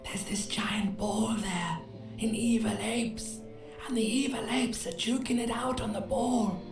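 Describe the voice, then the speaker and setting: A woman's voice: on the high side, fairly even intonation, measured pace. A woman voicing a cruel, mocking inner voice of raw feeling in scripted game narration, in a hissing, taunting whisper. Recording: echoey game audio over music.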